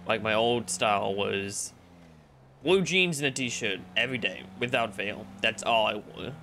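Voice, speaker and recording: A man's voice: lowish voice, a little slow, pushed and bright, a little hiss or hum. A young man streaming, chatting casually and rambling with lots of fillers. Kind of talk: casual chat.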